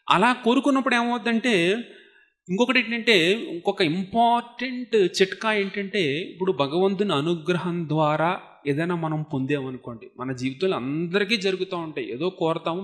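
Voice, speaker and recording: A man's voice: a little high, normal speed, a bit bright. A monk giving a devotional discourse to a seated audience, explaining patiently and asking his listeners rhetorical questions. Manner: recites Sanskrit verses between explanations. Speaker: monk giving a spiritual talk.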